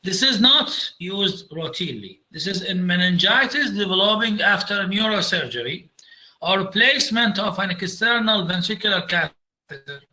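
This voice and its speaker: A man with an Iraqi accent giving a medical lecture over slides, halting with frequent fillers and slipping into Arabic. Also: high-pitched, lively intonation, sharp tone, poor audio.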